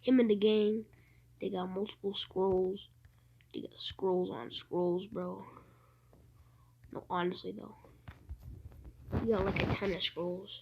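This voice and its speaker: A woman casually retelling an anime plot, rambling with many fillers and often dropping into soft half-whispers. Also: medium pitch, little pitch movement, slow, vocal fry, pauses often, lo-fi sound. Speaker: anime fan channel host. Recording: loud background noise.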